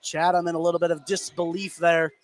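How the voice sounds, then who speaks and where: Calling a basketball game live on radio, this man speaks briskly in a level tone, his voice on the high side. His phrases are short and clipped, and the gym's game noise surrounds him.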